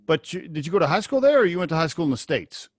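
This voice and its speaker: A podcast host interviews a guest over a video call, chatting freely and asking rambling questions. His voice is fairly high and sing-song at a quick pace, with clean studio sound and no room echo.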